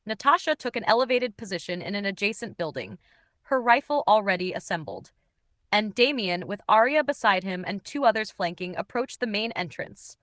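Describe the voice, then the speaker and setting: A woman giving steady, dramatic scripted narration of an audiobook. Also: mid-range voice, normal speed, dry recording. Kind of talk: scripted narration of a dark romance.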